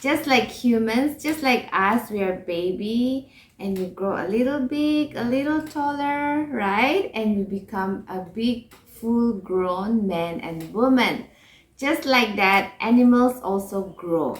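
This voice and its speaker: Woman teacher, kids' English lesson. Slow, patient, repeats words, keeps asking "okay?". Echoey room. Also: on the high side.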